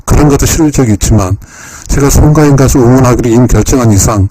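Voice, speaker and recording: A man's voice: mid-range voice, fast talker, noisy background. A man hosting a YouTube channel, giving a lecture-style analysis of song lyrics, emotional and repeating phrases over and over. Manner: polite addresses to viewers.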